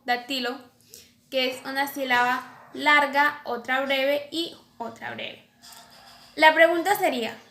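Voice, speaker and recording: Female lecturer, high and bright, explaining step by step; echoey room, light hiss. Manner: explanatory, asks and answers her own questions. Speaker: teacher. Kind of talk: recorded lecture over slides. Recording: echoey room, faint background noise.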